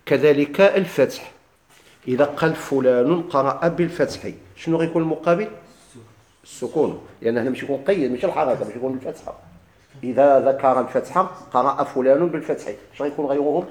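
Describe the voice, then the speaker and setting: A man with a Moroccan Arabic accent explains a classical text to his students, asking them questions and answering them himself, and he chants the quoted verses slowly. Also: mid-range voice, darkish tone, echoey room. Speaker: teacher of Quran recitation.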